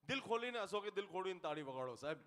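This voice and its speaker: A man's voice: high voice, animated, racing, fairly bright tone. A man with a Gujarati accent doing stand-up comedy on stage. He talks straight to the audience and acts out the people in his jokes. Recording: live hall with long reverb.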